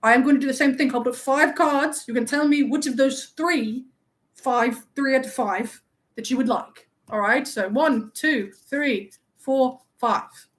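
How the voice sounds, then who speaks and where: In her own high voice and at a measured pace, a livestream host voices a playful, vain young wizard hungry for compliments. He teases the viewers, feigns offense when they return the favor, and keeps the live role-play chatty.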